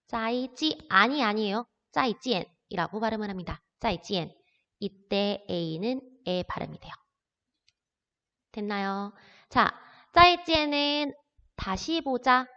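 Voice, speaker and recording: Woman teacher, patient step-by-step explaining, somewhat high voice, dull lo-fi sound. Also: a bit bright. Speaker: Chinese language teacher. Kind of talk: recorded classroom lesson. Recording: dull lo-fi audio with long reverb.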